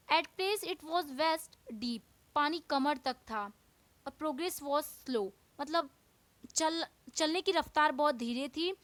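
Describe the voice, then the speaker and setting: A woman teacher explaining a textbook chapter, reading English lines slowly and then explaining them at length. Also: sits high, no echo.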